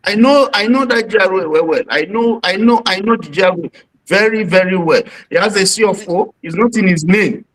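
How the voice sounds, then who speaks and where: A man's voice: high voice, brisk, a bit bright, poor audio. A Nigerian man from Lagos, calling into a livestream, heated and insistent, repeating his points. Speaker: caller on livestream.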